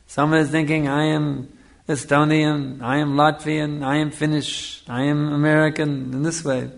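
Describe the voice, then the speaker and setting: This spiritual teacher's voice is gravelly and on the high side, flat in delivery and moderately paced. He lectures on scripture in the Hare Krishna style, teaching in a didactic way, repeating phrases for emphasis and checking in with listeners.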